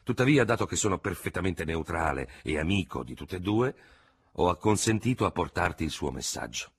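A steady grey-haired army surgeon, voiced by a male reader, who gives his advice in a measured, even way. The voice sits low and husky, and it still moves with a lively rise and fall. It sounds like an audiobook reading. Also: exaggerated voice. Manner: measured, level-headed advice.

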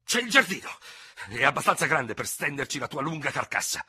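A man voicing a small, hot-tempered Gascon hussar lieutenant who shouts and hisses in fury. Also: mid-range voice, animated, fairly quick, slightly rough, pitched above the performer's own voice. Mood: raging. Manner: shouting, hissing, ranting. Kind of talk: audiobook character reading.

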